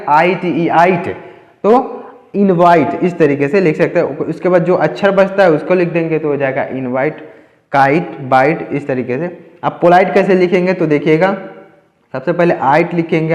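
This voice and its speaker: A man teaching English spelling to beginners, slowly and repetitively spelling out words letter by letter. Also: a little high, a little mellow, roomy sound, in a large hall.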